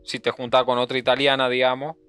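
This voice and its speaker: Bright-voiced Argentine man, chatting. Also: medium pitch, monotone, fast, clean tone, faint music behind. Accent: Argentine Spanish. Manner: asks follow-up questions, loose with fillers like "tipo" and "digamos". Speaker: podcast co-host. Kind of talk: casual chat.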